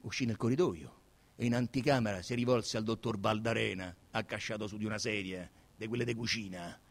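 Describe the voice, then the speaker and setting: A man narrating a novel in a dramatic radio reading, theatrical, dropping to hushed near-whispers and rising to loud outbursts. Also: fairly low pitch, a little fast, gravelly.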